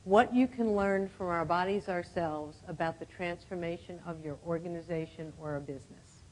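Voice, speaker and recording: Woman, 70s, conference speaker; reflective storytelling, slightly low pitch. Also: normal speed, darkish tone, slight background noise, low-quality recording. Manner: reflective, clears her throat often, laughs at her own slips. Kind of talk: personal storytelling talk. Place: conference room with audience.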